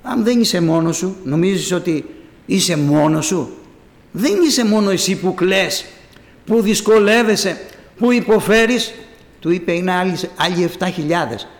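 A man preaching an evangelical sermon and telling his own testimony, acting out the voices he quotes and calling out loudly. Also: sits high. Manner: animated, acts out quoted voices, calls out loudly. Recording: roomy hall reverb.

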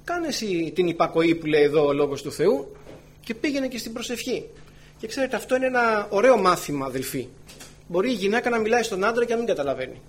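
A man who is a church elder preaching a sermon, earnestly addressing his brothers and sisters, swinging from loud emphatic phrases to soft low asides. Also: sing-song. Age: adult with wife and children. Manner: earnest, often calls the listeners brothers and sisters.

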